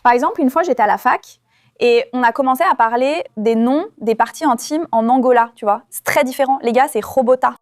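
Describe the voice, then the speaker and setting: A woman's voice: sits high, fairly quick, no echo. Chatty woman with a dry close voice. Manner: chatty, explains with anecdotes. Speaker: podcast guest. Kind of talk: casual chat. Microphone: studio podcast microphone.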